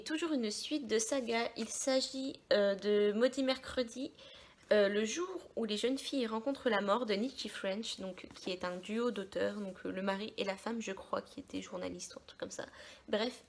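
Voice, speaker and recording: A young woman chatting casually as a book vlogger, talking through her purchases with many fillers and the odd soft murmured aside. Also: medium pitch. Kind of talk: casual book haul chat.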